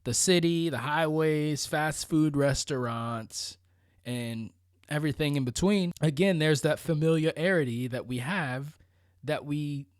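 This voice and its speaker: A man's voice: on the high side, unhurried, smooth, no echo, clean studio sound. An American man from Florida giving a casual motivational monologue, conversational and emphatic, often checking in with rhetorical questions and asides. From Florida, United States. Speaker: vlogger.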